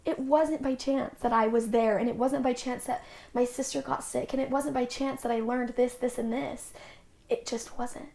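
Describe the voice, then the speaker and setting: A woman's voice: on the high side, fairly even intonation, moderate pace, gravelly, a little mellow. A young woman in her twenties, a podcast guest telling stories casually, often saying "like" and acting out what others said. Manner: chatty, acts out quoted dialogue; frequent filler "like".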